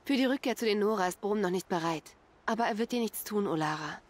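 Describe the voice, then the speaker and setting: An actress playing a calm, patient young huntress who talks a troubled man down in a video game. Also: mid-range voice, fast talker, natural voice. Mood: reassuring. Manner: calm, reassuring.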